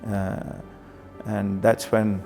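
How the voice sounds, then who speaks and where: A middle-aged man from Karachi, Pakistan, who works as a banker, reflects and tells his story as an interview guest, speaking conversationally in a Pakistani accent with occasional Urdu phrases. His fairly low, gravelly, slightly mellow voice has a flat delivery and drawn-out words. There's background music and a long reverb tail.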